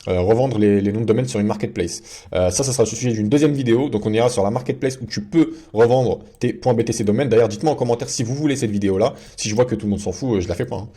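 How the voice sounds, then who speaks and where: A man's voice: fairly low pitch, very fast, hardly any pauses, mellow, breathy edge. A man giving a casual screen-share tutorial as a video host, talking in a chatty way with many fillers and restarts.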